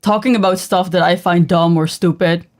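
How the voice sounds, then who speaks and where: A woman co-hosting a casual livestream chat with her husband, blunt and quick to laugh, prone to exaggerating on a roll. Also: on the low side, steady tone, a little mellow. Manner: blunt, laughs easily, says she exaggerates when on a roll. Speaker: co-host of a couple's livestream.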